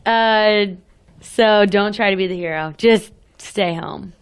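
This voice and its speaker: A female radio co-host who talks at an unhurried pace and keeps things relaxed and chatty. She laughs easily, and her voice sits at a middle pitch for a woman. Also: clear, resonant tone. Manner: easygoing, laughs often. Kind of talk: casual radio chat. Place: radio studio.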